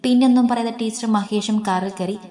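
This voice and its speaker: A woman reading a long story aloud as its narrator. Her delivery is gentle and even, carrying the scenes at a steady storytelling pace. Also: on the high side, a little fast.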